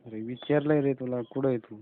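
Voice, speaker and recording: On a narrow, tinny phone line, a young man chats colloquially with a friend, grumbling a bit. His voice is mid-range with fairly even intonation, and he talks fairly quickly.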